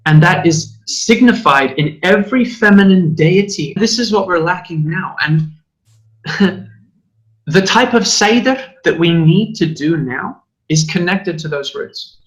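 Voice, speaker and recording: Man, higher register, earnest and passionate teacher in casual chat. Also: animated, a little slow, fairly bright tone, low-quality recording. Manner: earnest, passionate, occasional swearing. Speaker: spiritual teacher. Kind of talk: conversational podcast chat.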